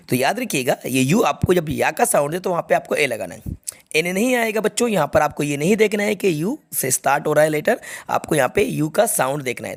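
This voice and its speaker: A young man teaching an English grammar lesson to students, explaining step by step and checking that they follow. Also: on the high side. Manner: explains step by step, repeats key points, checks students understand.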